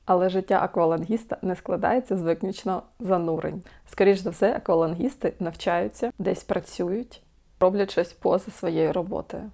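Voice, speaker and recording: A woman talking to camera in a self-help video, calm and coaching, asking the listener many questions. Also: fairly low pitch, normal speed, gravelly. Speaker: support group host.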